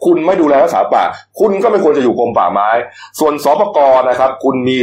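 A man's voice: medium pitch, sing-song, brisk, a little mellow, slight background noise. A middle-aged man hosting a news talk show, chatting through the stories with frequent polite particles. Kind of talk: casual news commentary.

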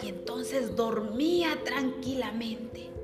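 A woman teacher telling a children's story in an expressive, dramatic way. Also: a little high, slow. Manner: expressive, dramatic read-aloud. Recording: echoey room with music behind. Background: background music.

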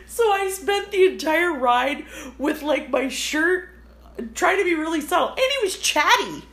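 A woman with a Canadian accent, a podcast co-host telling stories in casual chat, often laughing and animated. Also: extremely high pitch, a little slow. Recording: echoey room with faint noise.

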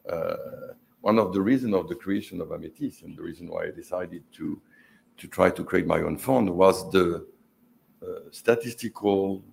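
A very low, creaky male voice with the manner of an investment banker. He is a non-native English speaker who sets out financial points analytically on a panel, halting often as he goes. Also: darkish tone, a little hiss or hum. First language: not English. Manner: investment banker's analytical, jargon-heavy delivery. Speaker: private equity fund manager on a panel. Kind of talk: panel talk on finance, semi-prepared.

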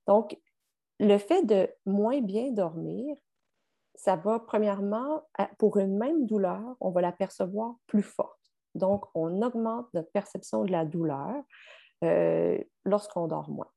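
Slow and creaky, this woman's medium-pitched voice carries a Québécois French accent. As a podcast guest, she explains sleep science steadily, using lots of fillers.

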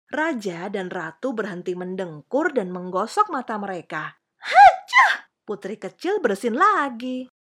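A woman reading a children's storybook aloud in an expressive, sing-song way. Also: medium pitch. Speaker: storybook reader. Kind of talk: scripted children's story narration.

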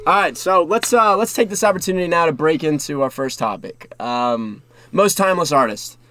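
A man's voice: fairly high pitch, lively intonation, moderate pace, sharp tone. A young man hosting a podcast in casual, rambling unscripted chat that often repeats phrases. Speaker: podcast host. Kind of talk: casual unscripted sports and pop culture chat.

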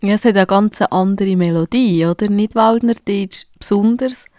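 A woman's voice: mid-range voice, moderate pace, warm tone, no echo, studio quality. Curious woman co-host. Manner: curious, asks follow-up questions. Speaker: podcast co-host. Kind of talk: casual interview.

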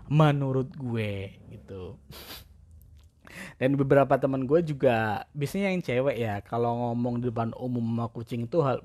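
A man's voice: medium pitch, darkish tone. A young man with chatting casually in a self-deprecating monologue. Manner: chatty, slangy, self-deprecating, mimics cat-talk voices.

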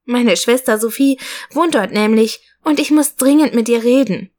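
A woman's voice: fairly high pitch, normal speed, a little mellow, voice pushed up, natural voice. A woman reading an audiobook voices Emma, an anxious young woman who is a twin, in a pleading, slightly raised voice.

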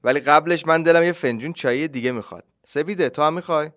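A man hosting and reading a children's story aloud, with lively, animated narration. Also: fairly high pitch. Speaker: host and storyteller.

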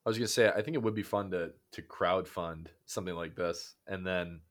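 Laid-back young man, lowish voice. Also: a little fast. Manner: laid-back, laughs often. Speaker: podcast co-host. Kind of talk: casual chat.

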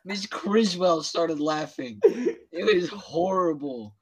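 A teenage boy in a casual online chat with friends, deadpan and easily giggling. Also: high-pitched, slow, vocal fry, crowd noise.

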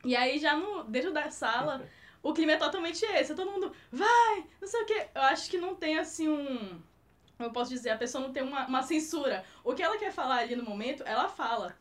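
A woman with a Brazilian Portuguese accent, co-hosting a film podcast and telling lively anecdotes in a casual chat. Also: high voice, quick pace. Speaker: co-host film critic.

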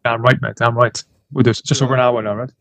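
A man from the United Kingdom co-hosting a podcast, telling stories in casual chat, excitable and laughing often. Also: mid-range voice, fast talker, gravelly, dry recording, rough recording. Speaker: podcast co-host.

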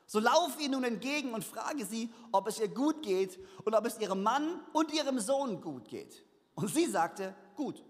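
A man preaching a sermon, reading a scripture story aloud and adding lively, humorous asides. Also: very high voice, a little slow. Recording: hall reverb.

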